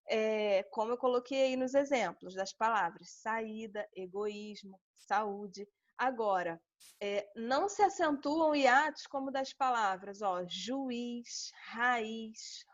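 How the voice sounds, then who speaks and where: A Brazilian woman teaching an online class, explaining step by step and checking in with her students often. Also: a little high. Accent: Brazilian Portuguese. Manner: patient, explaining step by step with frequent "tá?". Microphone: video call. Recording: dull lo-fi video call audio.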